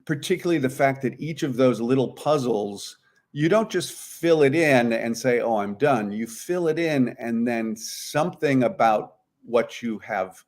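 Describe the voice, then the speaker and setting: A man appears as an interview guest, a puzzlemaker, giving conversational, explanatory answers. His voice is medium-pitched, expressive and unhurried, with a darkish tone.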